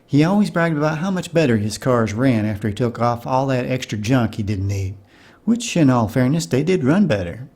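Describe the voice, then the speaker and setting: A man's voice: medium pitch, expressive, moderate pace, darkish tone. A middle-aged man giving wry, nostalgic comedic narration for a cartoon.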